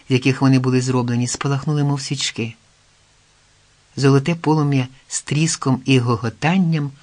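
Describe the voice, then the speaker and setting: Male audiobook narrator, measured and expressive, mid-pitched. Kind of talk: scripted narration.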